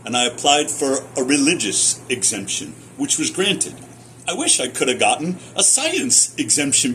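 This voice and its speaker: A middle-aged American man giving a personal testimonial in a deliberate, emphatic storytelling manner with short repeated phrases. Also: a little high, a bit bright, a little hiss or hum. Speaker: speaker sharing personal experience, former academic researcher.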